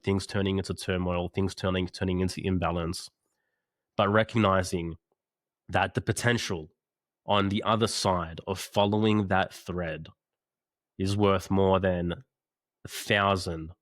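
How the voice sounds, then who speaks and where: Deep-voiced earnest man telling a story. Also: no echo, clean studio sound. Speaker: podcast guest. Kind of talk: casual conversation. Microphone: video call.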